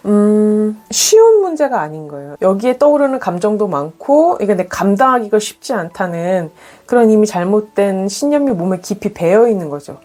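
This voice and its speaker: A middle-aged woman parenting coach, calmly explaining and acting out parents' inner thoughts. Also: medium pitch. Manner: calm, reflective, acts out parents' inner voices. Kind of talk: explanatory monologue.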